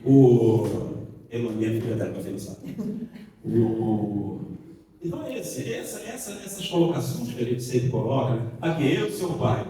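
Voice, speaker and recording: A man's voice: medium pitch, animated, moderate pace, mellow. A man with a Brazilian accent giving an informal seminar talk, chatty and joking, with slang. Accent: Brazilian Portuguese. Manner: chatty and jokey, uses slang, acts out little quotes. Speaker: seminar speaker. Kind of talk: informal lecture. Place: large hall before an audience. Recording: echoey hall, far from mic.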